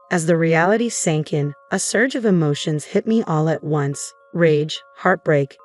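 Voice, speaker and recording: Young adult woman narrator, low voice, steady dramatic storytelling over faint music. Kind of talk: scripted first-person story narration. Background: faint background music.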